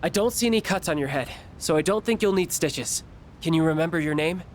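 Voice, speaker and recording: A man's voice: on the high side, a little fast, a little hiss or hum, close to an everyday voice. A man voicing an earnest, caring teenage boy, a student, in a video game. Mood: worried, relieved. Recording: game music behind the voice.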